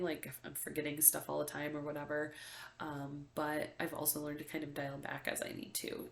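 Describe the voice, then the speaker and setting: Low-pitched and creaky, a young woman with a blocked-up voice vlogs casually to camera, chatty and quick to laugh, full of ums and likes. She's indoors in a room with the window open, and the sound is roomy.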